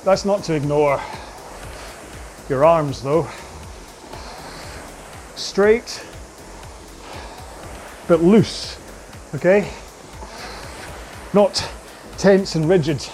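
A man coaching an indoor rowing workout, giving slow, measured cues about posture and pace. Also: fairly high pitch, a little mellow, faint music behind.

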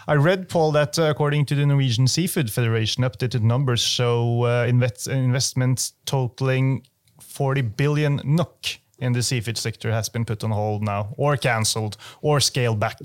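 A man's voice: medium pitch, normal speed, no room sound, clean studio sound. A man interviewing a guest, asking questions in a friendly way with short prompts.

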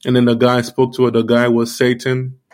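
A man giving an earnest, informal sermon, repeating himself often and filling pauses with "you know". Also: mid-range voice, monotone, darkish tone. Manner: earnest, repetitive, many fillers like "you know". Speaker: preacher.

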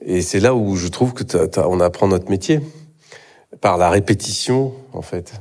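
A man's voice: sits low, moderate pace, darkish tone. A middle-aged man, an actor, talking in a live interview on a theatre stage, hesitant, with many fillers and restarts. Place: theatre stage before an audience.

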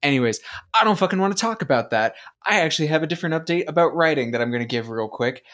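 An excitable young man co-hosts a podcast in loose, casual chat. He rambles and restarts his sentences, swears freely, and gets loud when enthusiastic. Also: on the high side, quick pace. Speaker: podcast co-host.

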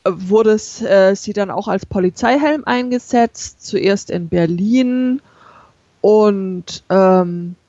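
A woman hosting a podcast presents information in a measured way, pausing hesitantly. Her mid-range voice has a dark tone, and the recording is slightly dull but has no echo.

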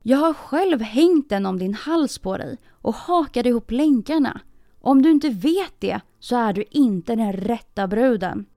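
A woman's voice: on the high side, expressive, warm tone, no room sound, clean studio sound, faint music behind. A woman voicing an earnest young king's son in a storybook reading, asking probing questions. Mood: questioning.

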